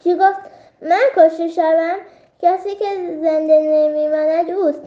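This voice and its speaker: Woman reading furious vain lion king, threatening, storybook, high voice, echoey room. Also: little pitch movement. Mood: scornful. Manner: roaring, threatening. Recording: roomy, slightly dull recording.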